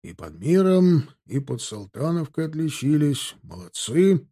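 A man reading aloud, voicing a high-ranking general with a strong, sonorous voice addressing his troops. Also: big pitch swings, measured pace, exaggerated voice. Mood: approving. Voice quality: loud, sonorous. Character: commanding old general greeting his troops. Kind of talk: audiobook character voice.

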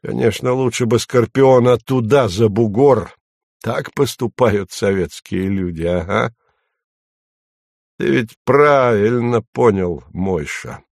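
A man's voice: lowish voice, takes it slowly, gravelly, darkish tone, no room sound, clean studio sound, full character voice. A man voicing a coarse, scornful, threatening grown man who mocks his listener. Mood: mocking. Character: menacing adult man, coarse, scornful villain.

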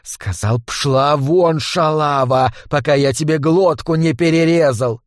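A man's voice: a little high, measured pace, dry recording, clean studio sound, natural voice. A man voicing a menacing gang boss who growls threats. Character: grim male gang boss, menacing thug.

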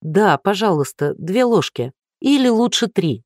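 A reader voicing a calm, tactful female police captain who stays firm. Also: mid-range voice, measured pace, no room sound, studio quality, pitched above the performer's own voice. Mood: steady.

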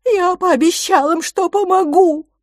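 A woman voicing a desperate, shaggy-browed male giant monster who shouts high and loud as he pleads for help. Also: measured pace, dry recording, studio quality. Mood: desperate pleading.

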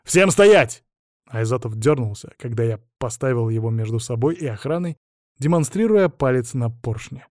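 Calm male audiobook narrator, dry sound. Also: mid-range voice, normal speed, dry recording. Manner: calm, cold and even, clipped in dialogue. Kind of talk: first-person audiobook narration.

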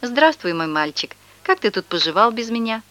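A woman voicing a gentle, caring mother in a storybook, speaking softly and tenderly. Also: very animated, brisk. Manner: soft, tender, higher voice.

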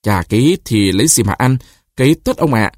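A quick-tongued peasant woman refugee who answers fast and respectfully, as a man reading the story aloud puts her on. The voice is husky and the pitch moves a lot. It is recorded close and dry, for an audiobook. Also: expressive, a little mellow, no echo, lightly acted.

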